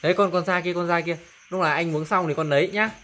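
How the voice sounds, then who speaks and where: A woman talks her young children through sharing their milk, her voice sitting low and coaxing. She sounds like a parent filming a casual home video, with a faint hiss behind her. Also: fairly even intonation, fast talker, a bit bright. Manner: coaxing, urging the children to share.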